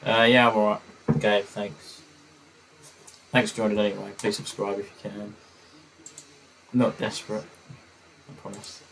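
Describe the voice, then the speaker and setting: A man's voice: fairly low pitch, level tone, normal speed, gravelly, long pauses, a bit bright, a little hiss or hum, poor audio. A young man chatting casually on a football watchalong live stream, hesitant and full of fillers. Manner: rambling, hesitant, lots of fillers.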